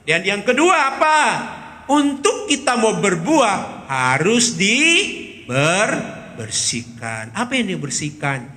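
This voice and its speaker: A man's voice: high voice, very animated, a little slow, bright, forceful tone. A man giving a children's Sunday school sermon, quizzing the kids and tagging his lines with "ya". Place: church hall. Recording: long hall reverb.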